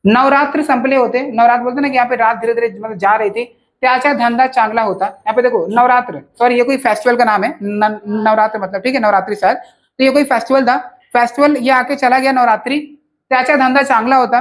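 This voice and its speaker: A woman's voice: a little high, fairly even intonation, brisk. A woman teacher explaining a textbook lesson line by line, patiently repeating and rephrasing for her students. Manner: repeats and rephrases patiently, addresses listeners as children.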